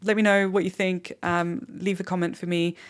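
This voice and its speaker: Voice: medium pitch, little pitch movement, moderate pace, smooth. A fantasy football channel host rambling off the cuff, thinking aloud and talking straight to listeners in a solo podcast.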